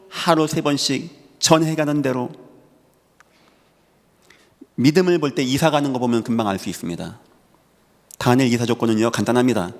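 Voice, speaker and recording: A man preaching a Sunday sermon as pastor, emphatic, asking the congregation rhetorical questions and breaking into spoken prayers. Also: medium pitch. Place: large church sanctuary. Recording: long hall reverb.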